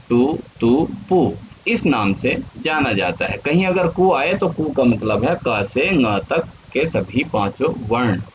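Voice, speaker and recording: A man teaching a grammar lesson, spelling out syllables one at a time in a deliberate lecture. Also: mid-range voice, a little hiss or hum, low-quality recording.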